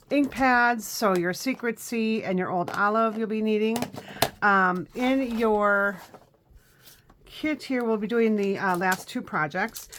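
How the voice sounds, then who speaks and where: Allergies leave this fiftysomething woman a little sniffly as she leads a live craft tutorial from her home craft room. Her medium-pitched, fairly bright voice carries a faint hiss or hum, and her chatty step-by-step instructions are full of ums and uhs.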